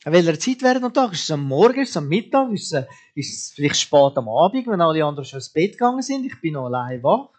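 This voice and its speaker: Husky preacher, fairly high voice. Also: male voice, very animated, quick pace, darkish tone. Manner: direct, asks the listener repeated questions. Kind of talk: sermon.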